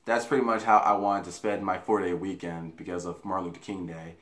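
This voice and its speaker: A young American man rattles off a casual, profane story to camera, a little fast and flat in delivery, often repeating himself. His voice is low with a fairly bright tone. The echoey small bedroom is picked up by a camera mic a few feet from him.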